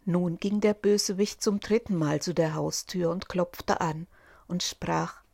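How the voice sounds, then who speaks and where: An older woman reading a fairy tale aloud in a calm, gentle storytelling manner. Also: fairly low pitch, measured pace, gravelly, no room sound, studio quality.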